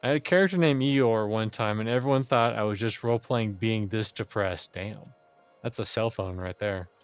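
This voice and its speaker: A man hosting a casual gaming stream chat, talking in a deadpan, droll way. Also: on the low side, normal speed, clean tone, faint music behind. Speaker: streamer and host.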